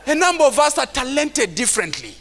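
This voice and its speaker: At a conference, a man gives a preachy motivational talk to a live audience, sometimes shouting his points and acting out the timid voices of self-doubting people. His very high, bright, forceful voice has big pitch swings and a brisk pace, with a mild stammer he works around. The long reverb of a big hall rings around him.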